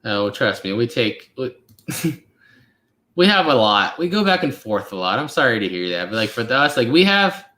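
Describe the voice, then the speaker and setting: Speaking at a normal speed in a sing-song, medium-pitched voice, the channel host sounds bright and forceful. He's in his twenties, hosting a casual live Q&A chat in a laid-back, rambling way thick with fillers. The room adds noticeable echo.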